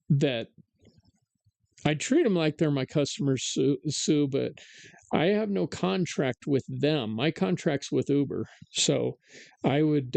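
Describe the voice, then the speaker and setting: A man's voice: on the high side, gravelly, darkish tone, no echo. A man hosting a live-streamed talk show, chatting casually and ranting sarcastically with plenty of fillers. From United States. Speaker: podcast host.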